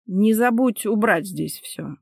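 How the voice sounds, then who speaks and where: A woman's voice: mid-range voice, expressive, slow, creaky, breathy edge, no echo, heavily acted. A woman voicing a stern, domineering husband who speaks in a clipped, sarcastic, commanding way, in a dry close recording. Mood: stern cold.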